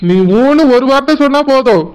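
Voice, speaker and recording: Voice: high-pitched, animated, fast talker, rough recording. A voice actor doing a coaxing old village husband. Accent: southern Tamil Nadu village speech. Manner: soothing, coaxing, repeats endearments. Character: doting older village husband.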